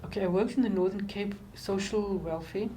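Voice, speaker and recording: An older woman with a South African accent, speaking in a halting, reflective way as she recounts her life and work in an interview. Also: mid-range voice, warm tone, a little hiss or hum, low-quality recording.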